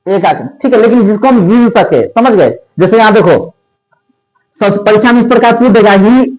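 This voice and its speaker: High-voiced teacher drilling grammar. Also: male voice, expressive, moderate pace, darkish tone, rough recording. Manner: repeats "theek hai" often and quizzes the listener with rhetorical questions. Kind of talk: exam-prep grammar lesson.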